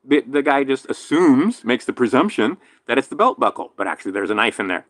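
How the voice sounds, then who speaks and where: A man's voice: a little fast, dry recording. Man with a slight lisp, rambling. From island in Hawaii. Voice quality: slight lisp from a damaged tooth. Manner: animated swings between loud emphatic bursts and low mutters, swears casually. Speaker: vlogger. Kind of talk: rambling monologue.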